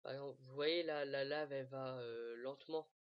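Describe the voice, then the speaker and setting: Here the tutorial maker has a clear, resonant, medium-pitched voice with fairly even intonation and a moderate pace. They demo a game tool in a casual screen recording, stumbling often with fillers and restarts, on a dull, dry lo-fi mic with no room sound.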